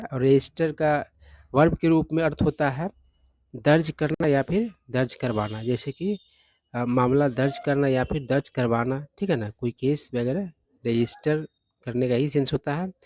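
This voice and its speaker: A man walks through English words from the newspaper at an even, mid-pitched level. He explains each one patiently and keeps checking in with his listeners. The recording is close and dry, with no room echo. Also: normal speed. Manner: explains each word patiently, often ending with "है ना?". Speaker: English vocabulary teacher. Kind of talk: newspaper vocabulary lesson.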